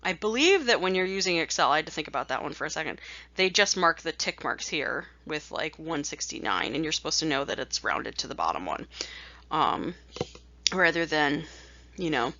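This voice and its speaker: A woman's voice: low voice, very animated, normal speed, pushed and bright, no echo, dull audio. Chatty woman lecturing on statistics. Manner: chatty, self-mocking, bursts of "woohoo" between slides. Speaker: statistics instructor. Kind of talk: recorded lecture over slides.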